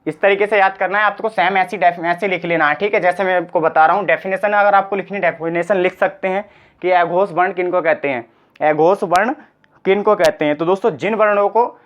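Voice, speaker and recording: A man teaching a grammar lesson for exam prep, repeating each point and asking rhetorical questions before he answers them. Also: high voice. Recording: slightly dull lo-fi sound.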